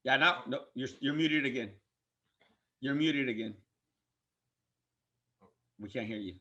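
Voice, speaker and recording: A man's voice: mid-range voice, a little slow, bright, forceful tone, dull audio. A man on a video call, telling another speaker briefly and plainly that he is muted. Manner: brief, practical remarks.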